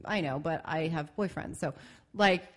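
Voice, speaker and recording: A woman's voice: low voice, moderate pace. A young woman co-hosting a casual podcast chat, talking loosely with lots of fillers and laughing often. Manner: chatty, giggly, filler-heavy. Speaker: podcast co-host.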